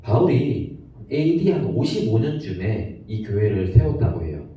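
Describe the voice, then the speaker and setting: A man giving a gentle sermon to children, acting out the quoted lines as he tells the story. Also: on the low side, big pitch swings, moderate pace. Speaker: children's pastor. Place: church for online service. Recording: echoey room, distant dull mic.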